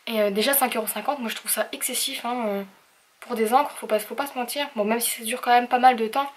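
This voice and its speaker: A woman's voice: fairly high pitch, fairly even intonation, fast, slight background noise. A young woman chatting casually in a craft haul video, talking with many hesitations and fillers. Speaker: craft vlogger.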